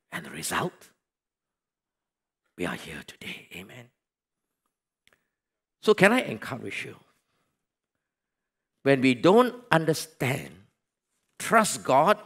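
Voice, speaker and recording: A man preaching a sermon as pastor, with a Malaysian English accent. He swings from loud exclamations to hushed near-whispers, repeats his points and asks the congregation questions. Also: mid-range voice, creaky, husky.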